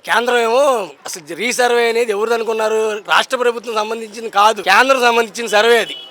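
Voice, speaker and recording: A man's voice: very high voice, steady tone, quick pace, bright, forceful tone. A young man, arguing politics outdoors in a street poll, emphatic and combative, firing off rhetorical questions. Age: young adult. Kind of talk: impassioned political street talk.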